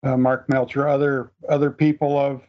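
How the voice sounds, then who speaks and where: An older man chatting casually as a podcast guest, halting and repeating words as he thinks. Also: mid-range voice, little pitch movement, highs cut off. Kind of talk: casual reminiscing chat.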